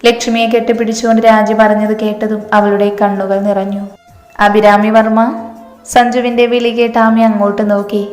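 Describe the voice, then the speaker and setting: A woman narrating a romantic family story in a steady, scripted reading. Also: medium pitch, fast, few pauses, soft background music. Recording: echoey room with long reverb.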